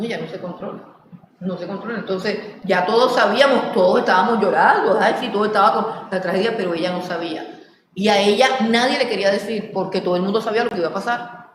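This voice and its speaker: A woman with a Colombian Caribbean accent leads a Bible class, acting out the people she quotes. Her voice carries from a distance across an echoey church hall with a long tail. Steady noise sits under it. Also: on the high side. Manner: animated, acts out quotes with laughter. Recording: echoey hall, voice from far off, noisy.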